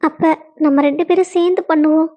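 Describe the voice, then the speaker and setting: A caring young wife who soothes and pleads with her husband, as a woman acts her out, speaking with a Kongu Tamil accent. Her voice sits very high. It comes from a home-made family drama. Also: steady tone, brisk, muffled recording. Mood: soothing.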